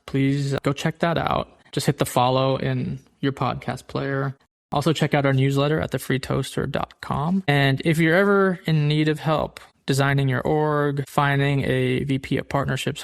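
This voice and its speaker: A man's voice: medium pitch, gravelly. A man hosting his own podcast, talking through business advice in a conversational way with examples and occasional restarts. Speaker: podcast host. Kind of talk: solo business podcast talk.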